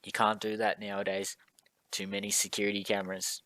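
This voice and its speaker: A man's voice: lowish voice, completely flat delivery, a little fast, bright, forceful tone, no echo, pitched below the performer's own voice. A man voicing a grumbling old man who reminisces about cheap prices, delivering the joke wryly. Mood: reminiscing.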